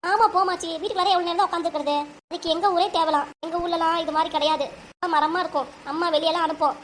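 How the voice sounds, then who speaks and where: A woman's voice: very high voice, steady tone, racing, a bit bright, slight background noise. A woman with a Tirunelveli Tamil accent voicing a cheeky little granddaughter who whines and talks back in a cartoon. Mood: whiny. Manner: whiny, talking back.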